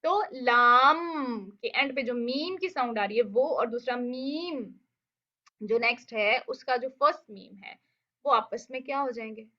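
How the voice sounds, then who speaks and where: A woman teaching Quran recitation in an online lesson, explaining patiently step by step, checking in often, and reciting Arabic words slowly to demonstrate sounds. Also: on the high side, highs cut off.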